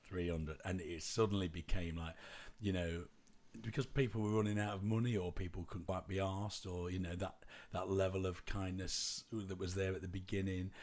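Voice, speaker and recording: A man's voice: sits low, steady tone, moderate pace, hardly any pauses, a little mellow. A man co-hosting a podcast, chatting casually in a rambling, jokey way that often breaks off mid-sentence. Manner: rambling, self-interrupting, jokey. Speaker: podcast co-host. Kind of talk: casual chat.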